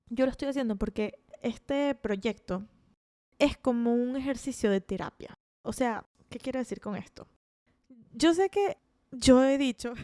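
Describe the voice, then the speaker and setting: Venezuelan girl in her 20s podcasting, warm soft tone, dry sound, restarts a lot. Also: medium pitch, dry recording. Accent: Venezuelan Spanish. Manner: chatty, self-deprecating, frequent restarts and laughs. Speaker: podcast host. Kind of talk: casual monologue.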